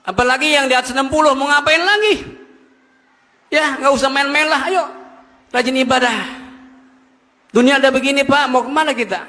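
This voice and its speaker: A man preaching a Friday sermon, telling stories with animated, emphatic rises. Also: very high voice, moderate pace, long pauses. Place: mosque. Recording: echoey hall.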